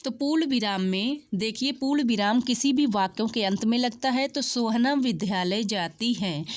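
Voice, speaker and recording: A woman teacher giving an exam-prep lesson in a steady explanatory tone, explaining examples one by one. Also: a little high. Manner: steady explanatory tone, mixes English words.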